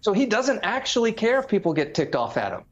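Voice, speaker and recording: A man with a slightly high voice speaks as a political commentator, driving his points home with figures. The audio sounds a bit dull and lo-fi. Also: big pitch swings, a little fast. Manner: emphatic, explanatory, lists figures. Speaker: political commentator, former congressman. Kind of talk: panel discussion.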